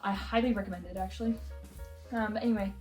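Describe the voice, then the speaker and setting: Over background music, a chatty young American woman talks fast in a mid-range voice with a steady tone. She's a young adult vlogger organizing books, and her casual chatter rambles, turns self-deprecating and giggly, and is peppered with "like."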